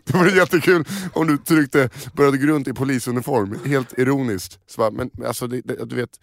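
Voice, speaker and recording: A man's voice: mid-range voice, vocal fry, dry recording, studio quality. A man hosting a casual morning radio show, joking with guests, with frequent laughs and stumbling restarts. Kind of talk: casual studio banter.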